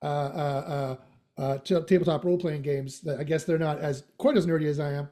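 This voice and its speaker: A podcast guest in a casual interview chat, this middle-aged man from Western Canada has a slight Canadian accent and a steady, dark-toned voice on the high side at a brisk pace. He rambles with plenty of fillers, restarts and joking asides.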